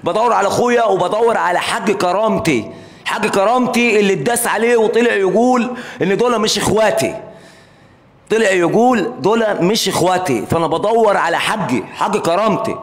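A man's voice: high-pitched, brisk. A man making an impassioned, repetitive plea in a live interview. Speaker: interviewee, brother of a singer.

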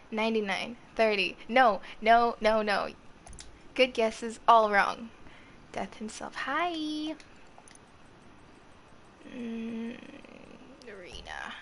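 Woman, 20s, live streamer: kid-like higher voice, unhurried, profane casual chat with chat. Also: big pitch swings, a bit bright, slight background noise. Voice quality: youthful, girlish-sounding voice. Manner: swears freely and chats with viewers. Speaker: livestreamer.

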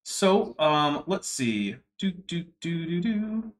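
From his home, a young man hosts a livestream, chatting wryly and reading out super chats from viewers. He speaks slowly in a fairly high voice that swings widely in pitch.

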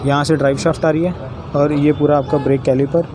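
A man's voice: a little high, steady tone, fast talker, crowd noise. A young man in his twenties hosting a casual vlog, walking viewers through car parts step by step with some hesitation. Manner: hesitant, pointing things out step by step. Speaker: channel host explaining car mechanics. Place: outdoor garage workshop. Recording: street and vehicle noise behind.

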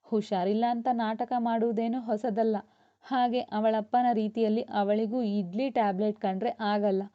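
A woman storyteller giving a steady, expressive scripted narration of a serialized novel. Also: on the high side, moderate pace. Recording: dull lo-fi.

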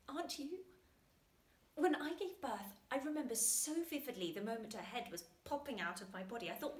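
Tragic young mother played by a woman, anguished stage monologue, sorrowful and intense, higher-pitched, roomy sound. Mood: fearful, subdued. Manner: tragic, sorrowful, emotionally intense, shifting from hushed to raised. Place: small bare indoor room. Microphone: camera at some distance. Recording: echoey room, distant microphone.

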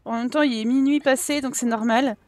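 A young woman's high, slightly mellow voice stays steady in tone and moves fairly quickly. She's a gameplay YouTuber giving casual let's play commentary, talking to her characters and giggling often.

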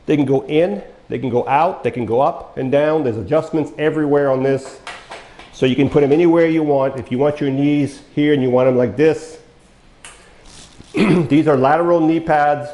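Coughing as his voice goes hoarse, an older mobility dealer walks viewers, whom he calls folks, through a power wheelchair step by step in a folksy product demonstration. His voice is on the high side and mellow, and the large, bare indoor showroom studio sounds echoey.

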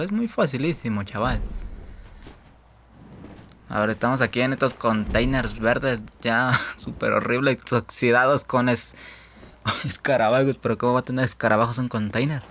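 A young Mexican-accented gaming YouTuber narrates his gameplay casually, joking and cursing freely. His tone is bright and forceful, and he laughs a lot, sometimes letting out sudden high-pitched yelps.

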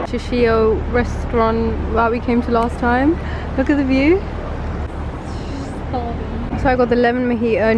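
A woman's voice: a little high, background noise. A woman casually vlogging a trip, chatty and rambling with lots of fillers. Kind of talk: casual vlog chat.

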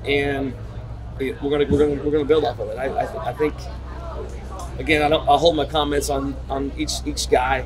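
A middle-aged man, a head football coach at a postgame press conference, talking in halting, restarting sentences with many repeats. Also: mid-range voice, flat delivery, low-quality recording. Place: concrete-walled stadium corridor. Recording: crowd chatter behind. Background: crowd noise.

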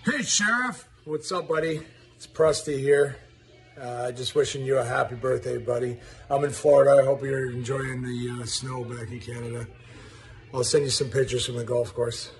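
A man's voice: medium pitch, normal speed, slight background noise. A man giving a friendly, joshing birthday greeting. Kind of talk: casual recorded birthday greeting.

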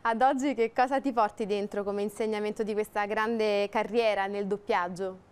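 A woman's voice: mid-range voice, fairly even intonation, normal speed, a little mellow, smooth. A woman in her thirties hosting a TV morning show from a studio, putting prepared interview questions to a guest. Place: television studio.

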